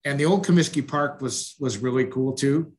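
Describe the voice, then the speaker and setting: A man's voice: mid-range voice, normal speed, a little mellow. Hesitant, friendly man coach. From Chicago northwest suburbs. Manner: hesitant, many restarts and fillers, friendly. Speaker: sports coach, guest. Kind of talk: casual interview chat. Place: at home, video call.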